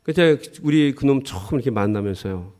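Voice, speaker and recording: A middle-aged man delivers a sermon full of homely anecdotes, his pitch swinging up and down in a lively, animated way. He laughs often as he tells his stories to the congregation. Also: quick pace. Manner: lively storytelling, acts out dialogue, laughs often. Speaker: pastor.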